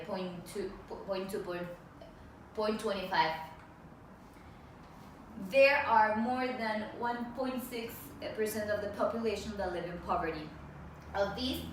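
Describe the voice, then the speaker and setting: A woman's voice: medium pitch, unhurried. A woman in her twenties from Colombia and Mexico giving a student class presentation, hesitant, with restarts and fillers. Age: 20s. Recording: echoey room, far from the mic, faint noise.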